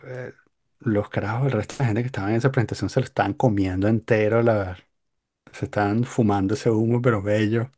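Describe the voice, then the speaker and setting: A young man in casual chat, telling a story in an animated, exaggerated way. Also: fairly low pitch, creaky. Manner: animated, hyperbolic storytelling with mock voices.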